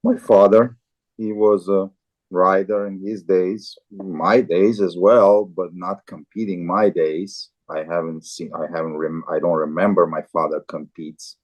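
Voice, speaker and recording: A man in his forties from Azerbaijan, a guest in an interview, speaking haltingly with many repeated and restarted words. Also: sits low, little pitch movement, darkish tone, muffled recording. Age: 40s. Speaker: guest, farrier and show jumper. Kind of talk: casual interview talk.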